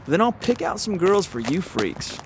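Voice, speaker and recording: A man's voice: high voice, very animated, moderate pace, noisy background. An actor playing a cocky, scornful young male jock with a brash, mocking manner in a video game. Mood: mocking, dismissive. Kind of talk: casual video game dialogue.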